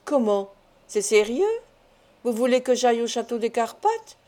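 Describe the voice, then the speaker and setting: A woman's voice: a little high, fairly even intonation, moderate pace, a little mellow, close to an everyday voice. A woman voicing a boastful, mocking male village doctor who turns flustered, in a storybook reading. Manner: jeering, then flustered and pleading.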